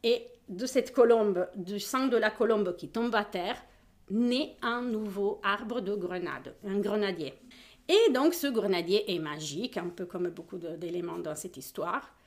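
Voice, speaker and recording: A woman's voice: medium pitch, measured pace, a little mellow. A woman telling a folk tale aloud in a casual, hesitant way, with many fillers and acted-out voices. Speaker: storyteller.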